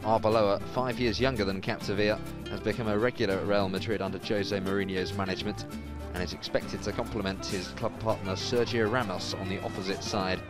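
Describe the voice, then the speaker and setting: A man narrating a scripted sports feature in a measured, informative way. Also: fairly low pitch, little pitch movement. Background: guitar music.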